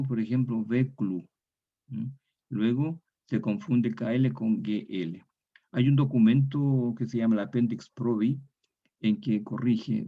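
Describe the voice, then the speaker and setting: A man's voice: medium pitch, dull audio. A man giving a university lecture, explaining step by step, repeating terms and checking with his students. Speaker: lecturer in historical Spanish grammar.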